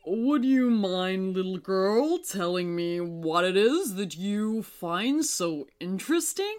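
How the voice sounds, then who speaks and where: A woman voicing the moon as an old, kindly man, who speaks gently and slowly. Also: medium pitch, big pitch swings. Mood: gentle. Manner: gentle, slow, warm-hearted.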